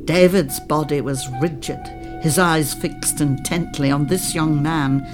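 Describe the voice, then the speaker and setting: Male audiobook narrator, slow and calm, measured reading. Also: on the high side, music in the background. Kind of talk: scripted narration.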